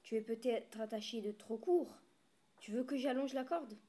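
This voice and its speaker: A woman's voice: a little high, normal speed, warm tone, slightly rough. A woman reading a fretful old goat farmer. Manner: pleading, exasperated. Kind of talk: storybook reading.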